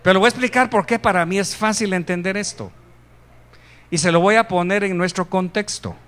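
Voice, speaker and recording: Guatemalan preacher, high male voice, lively sermon with punchy emphatic peaks and humorous asides. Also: brisk. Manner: animated preaching, rising loud for emphasis, joking asides. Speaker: pastor.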